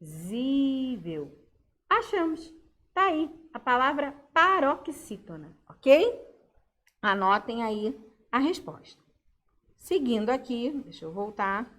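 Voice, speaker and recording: A woman's voice: high-pitched, sing-song, slow pace, a bit bright. A woman teacher, patiently explaining a grammar lesson step by step and checking in with her students. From Brazil. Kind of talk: online class lesson.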